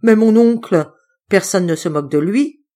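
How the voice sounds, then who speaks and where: A woman's voice: fairly low pitch, steady tone, fairly quick, dark tone, natural voice. A woman reading an audiobook, voicing a young man who speaks with mocking exasperation. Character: ironic young man, the nephew.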